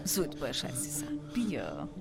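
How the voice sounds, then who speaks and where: An actress playing a caring wife in a dubbed film, gently soothing a distressed man. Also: very deep voice, huge pitch swings, gravelly, loud music behind the voice, exaggerated voice. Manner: soothing and motherly, then firm. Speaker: wife caring for her husband. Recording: loud film score behind the voice.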